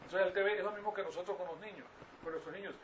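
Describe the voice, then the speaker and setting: A man teaching a Bible class in sermon style, questioning his listeners and rising to loud emphatic peaks. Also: high-pitched, very fast. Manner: engages the audience with questions. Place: room with a live audience. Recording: distant lo-fi recording with noise.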